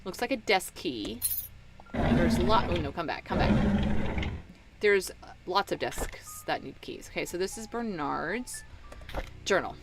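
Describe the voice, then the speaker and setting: A woman's voice: lowish voice, lively intonation, measured pace, pauses often, over loud music. A woman with a Southern American accent, casually commenting while playing a puzzle game and muttering to herself as she works. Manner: chatty, thinks aloud, mutters to herself. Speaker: gaming streamer. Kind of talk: casual let's-play commentary.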